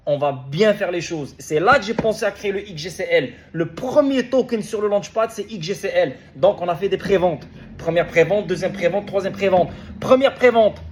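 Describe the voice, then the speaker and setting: A man speaking to his followers in a heated, rambling monologue, swearing and repeating himself. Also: high voice. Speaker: crypto project founder.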